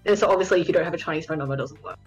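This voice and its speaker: A woman's voice: low-pitched, very fast, slightly rough, lo-fi sound, faint music behind. A woman co-hosting a casual podcast, telling stories eagerly and gushing. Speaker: podcast co-host. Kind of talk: casual chat.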